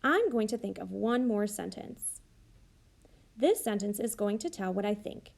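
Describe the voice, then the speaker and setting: A woman teacher slowly modeling how to write sentences for young children, thinking aloud and sounding out each word. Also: medium pitch, lively intonation, vocal fry, a little mellow. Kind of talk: slow modeled writing demonstration.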